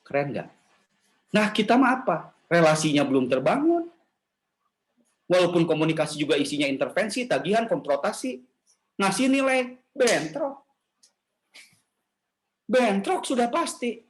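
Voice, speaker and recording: A man giving a lively, casual sermon to a women's church gathering, asking the audience questions and slipping into quoted voices. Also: high-pitched, unhurried, pauses often. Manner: animated, jumps into playful quoted voices and asks the audience questions; casual slangy talk mixed with formal preaching.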